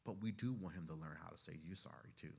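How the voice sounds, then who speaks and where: A man's voice: deep voice, quick pace, gravelly, darkish tone, slightly rough. A man lecturing a class of trainees in a conversational way, often saying "you know" and asking the room questions. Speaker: instructor teaching therapists.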